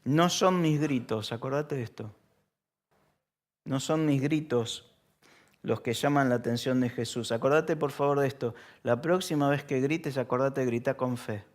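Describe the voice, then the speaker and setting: In a church, a Rioplatense-accented male pastor talks casually through his sermon. He questions the congregation and dramatizes shouted lines, speaking at medium pitch and a normal pace.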